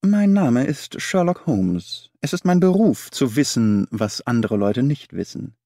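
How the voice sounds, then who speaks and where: Brief: male narrator as a cool, self-assured detective, gentle but confident. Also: medium pitch, expressive, a little slow, no room sound, clean studio sound. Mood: calm, confident. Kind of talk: audiobook character voice.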